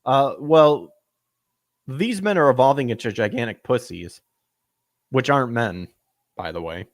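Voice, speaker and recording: A man's voice: medium pitch, animated, a little slow, no echo, clean studio sound. A man hosting a podcast, reading news and mocking it with sarcastic asides, laughing at his own jokes and stumbling over words. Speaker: podcast host. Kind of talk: casual commentary reading news aloud.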